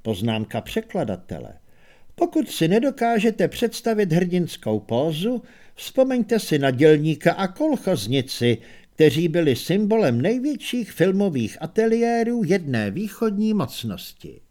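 A man narrating an audiobook in an expressive storytelling manner. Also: high-pitched. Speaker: audiobook reader. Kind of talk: scripted narration.

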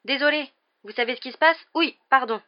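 Timid clumsy teen boy, put on by a woman reader, high and flustered, dull recording. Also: a little fast, close to an everyday voice. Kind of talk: audiobook reading.

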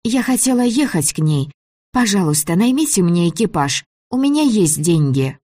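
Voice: very animated, moderate pace, darkish tone. A reader doing a terrified little princess. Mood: pleading. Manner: high, pleading and tearful. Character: frightened runaway girl, a young princess.

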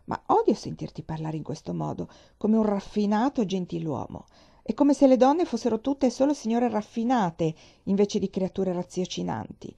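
A woman's voice: medium pitch, animated, moderate pace, gravelly, dark tone. A woman reading the part of a forthright middle-aged navy wife, speaking emphatically, as if lecturing. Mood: arguing.

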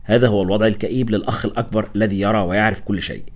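A man's voice: lowish voice, steady tone, very fast, close to an everyday voice. A man reading the part of a meddling male supervisor who talks insistently, by turns irritated and coaxing. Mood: pressing. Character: meddling older male British supervisor, controlling.

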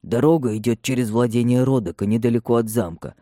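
Мужчина читает сдержанного управляющего с печальной вестью. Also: male voice, mid-range voice, quick pace, mellow, dry recording, clean studio sound, close to an everyday voice. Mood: grave. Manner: subdued, respectful. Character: grave male estate steward bearing bad news.

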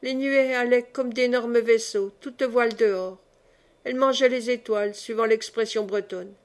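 A woman reading a classic novel aloud in measured, expressive narration. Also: on the high side. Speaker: audiobook reader. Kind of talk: scripted narration.

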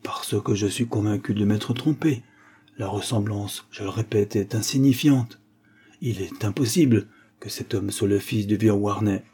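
A man's voice: lowish voice, moderate pace, mellow, breathy edge. A man voicing an anxious old steward. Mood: earnest. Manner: earnest, easily surprised. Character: old male estate steward, anxious, deferential. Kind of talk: audiobook character reading.

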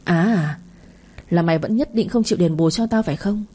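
A shrill, bullying swindler woman berates her victim and wails to the crowd, as a female narrator puts her on. The voice sits low and mellow with a husky edge. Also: moderate pace. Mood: accusing. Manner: shrill accusing shouts, wailing for the crowd.

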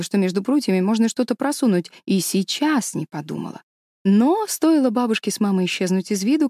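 A woman narrates a storybook in a calm, measured way. Her voice is mellow and warm, and the recording is dry and close. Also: medium pitch, no echo. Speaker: audiobook narrator.

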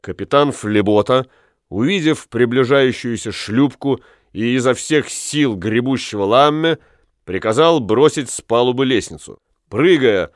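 A man narrating a storybook aloud in a measured, expressive way. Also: medium pitch, dry recording, clean studio sound. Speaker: audiobook narrator.

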